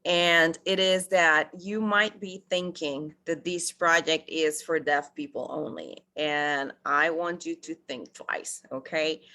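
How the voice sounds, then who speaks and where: Lady pitching to "guys", lots of ums, bright tense voice. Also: fairly even intonation, slow, few pauses. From Costa Rica. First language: Spanish. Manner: upbeat, addresses listeners as guys, many fillers. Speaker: project promoter. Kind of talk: enthusiastic presentation.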